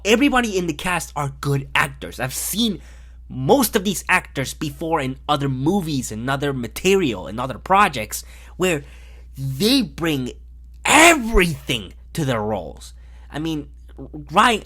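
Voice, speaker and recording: A man reviewing a film in a loose, casual way, blunt and openly exasperated. His pitch swings widely as he talks, and he swears without a second thought. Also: sharp tone.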